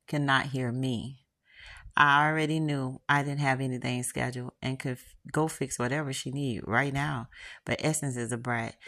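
Low gravelly woman reading. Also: a bit bright. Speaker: author and podcast host reading her book. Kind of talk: first-person erotic story reading.

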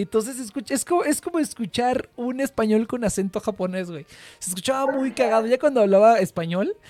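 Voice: mid-range voice, darkish tone, no echo. A speaker with a Mexican Spanish accent chatting casually on a podcast, rambling with lots of fillers and swearing. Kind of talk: casual chat.

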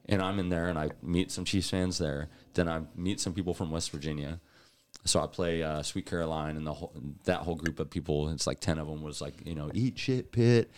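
Deep-voiced male podcast co-host, animated storyteller, casual. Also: a little fast, a little hiss or hum. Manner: animated storyteller, laughs often. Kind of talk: casual chat.

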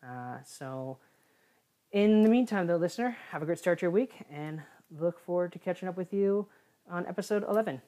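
A woman co-hosting a casual sports podcast, rambling through a news roundup with frequent filler pauses and self-corrections. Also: lowish voice, animated, warm tone. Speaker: podcast co-host.

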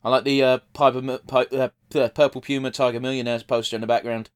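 A man's voice: medium pitch, little pitch movement, quick pace. A man giving casual, blunt, sweary commentary as a podcast co-host. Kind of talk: casual watch-along commentary.

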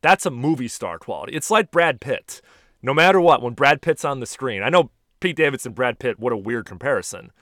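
A man in his thirties hosting a podcast, an animated storyteller who swears casually. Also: mid-range voice, fairly quick, no echo, studio quality. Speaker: podcast host and stand-up comic. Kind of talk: casual chat.

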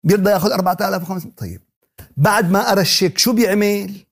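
Man, Levantine Arabic accent, Quran teacher, animated joking lesson, fast-talking, husky. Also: high-pitched. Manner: animated, joking, many rhetorical questions. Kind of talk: religious lesson in colloquial dialect.

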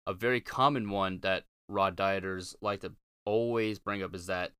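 Male podcaster, lowish smooth voice, informal and blunt, opinionated solo talk, dry closet sound. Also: fairly even intonation, moderate pace, pushed and bright, dry recording. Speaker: podcast host. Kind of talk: casual opinionated podcast monologue. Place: small closet in a home bedroom.

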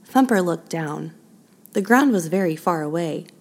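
A woman narrating a children's picture book in a soft, measured storytelling manner. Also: on the low side, animated.

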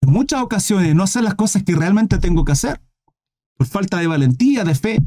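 Male preacher, very high and mellow voice, emphatic, rhetorical, addresses the listener as "brother". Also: animated, a little fast. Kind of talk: livestreamed Bible teaching.

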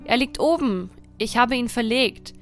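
A woman's voice: fairly high pitch, lively intonation, measured pace, a bit bright, faint music behind. A woman voicing a frightened young wife who pleads and cries out for help in a fairy tale reading. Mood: timid. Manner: pleading, crying out desperately.

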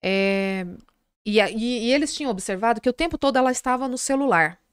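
A woman's voice: a little high, fairly quick, smooth, dry recording, clean studio sound. Chatty middle-aged woman telling a story. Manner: lively anecdote-telling with filler phrases. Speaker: psychologist guest. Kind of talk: casual storytelling in a podcast interview.

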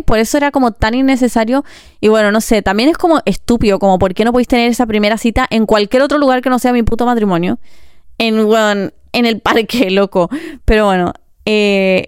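A young woman with a Chilean Spanish accent, ranting casually in a vlog, swearing freely and talking in quick bursts broken by pauses. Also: a little high, darkish tone, smooth, no room sound, studio quality. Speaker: vlogger.

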